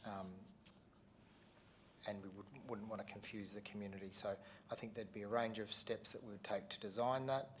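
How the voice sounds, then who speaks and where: A man's voice: fairly low pitch, fairly even intonation, normal speed, a little hiss or hum. An Australian man, the council CEO, answering questions carefully with many fillers. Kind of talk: formal official answer.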